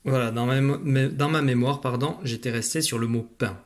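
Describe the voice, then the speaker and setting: A man's voice: medium pitch, steady tone, brisk. A man teaching a phonics lesson to a young child, patient and encouraging, speaking straight to the learner.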